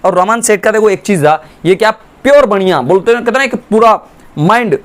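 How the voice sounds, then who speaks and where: A male teacher explaining a story to his class, animated, asking and answering his own questions. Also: high-pitched, a little fast.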